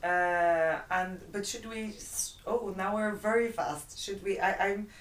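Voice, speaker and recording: A woman's voice: medium pitch, unhurried. A woman in casual chat, hesitant and searching for her words. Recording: roomy, distant mic.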